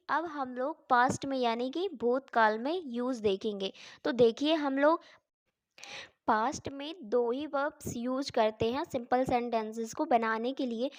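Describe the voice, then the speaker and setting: A woman teaches a grammar lesson in a high, clear voice. She spells words letter by letter and answers her own questions. The sound is dry and close, with no room echo. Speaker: English teacher.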